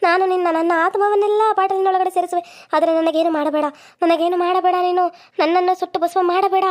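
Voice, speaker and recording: A shrill, very high-pitched ghost woman in a cartoon, possessive and desperate, crying again and again to be released. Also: fairly even intonation, fairly quick. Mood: surrendering. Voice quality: shrill, pleading. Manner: repeats cries of protest, defiant then begging. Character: possessive female ghost clinging to her beloved.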